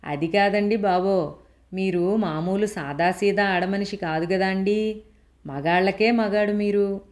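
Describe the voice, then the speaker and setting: A woman's voice: mid-range voice, a little slow, a little mellow, lightly acted. A woman voicing a rustic man in a crowd who talks coarsely and jeeringly.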